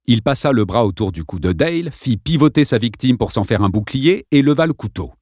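A man reads a novel aloud with lively, shifting intonation. His voice is at a middle pitch for a man. The recording is dry and close, as in a studio booth. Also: fairly quick, no room sound. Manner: lively, expressive reading. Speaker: audiobook narrator. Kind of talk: scripted narration.

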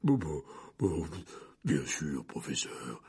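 A man voicing a big, soft-hearted male gamekeeper, gruff and emotional, in an audiobook. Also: extremely low pitch, very animated, slow pace, pitched below the performer's own voice, exaggerated voice.

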